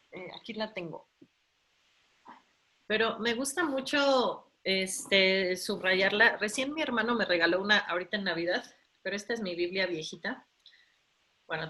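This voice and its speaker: A woman's voice: mid-range voice, pushed and bright. A woman, a guest talking casually about her faith, chatty, with many fillers. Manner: chatty, frequent fillers and laughs. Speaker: interview guest.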